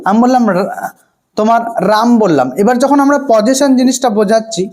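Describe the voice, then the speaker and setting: A man's voice: extremely high pitch, a little fast, darkish tone. A man teaching an online grammar lesson, repeating each point and often asking his students if they follow. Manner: asks questions and answers them himself.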